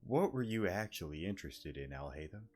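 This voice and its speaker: Deep-voiced casual gaming man. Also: big pitch swings, brisk, very noisy. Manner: laid-back, slangy, sweary. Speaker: gaming YouTuber. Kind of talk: casual gameplay reaction commentary.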